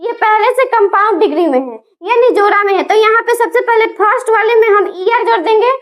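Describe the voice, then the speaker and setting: High-voiced woman teaching grammar. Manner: spells words letter by letter slowly. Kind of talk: grammar lesson.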